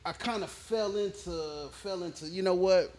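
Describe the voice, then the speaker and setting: A man, a rapper telling stories in a relaxed, slang-heavy interview, often checking in with the listener. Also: high voice, normal speed. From born in Nigeria, raised in Houston, Texas. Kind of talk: casual interview storytelling.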